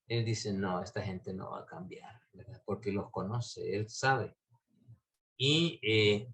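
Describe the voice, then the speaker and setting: Halting male Bible class teacher. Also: medium pitch, a bit bright. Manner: halting, many fillers and restarts.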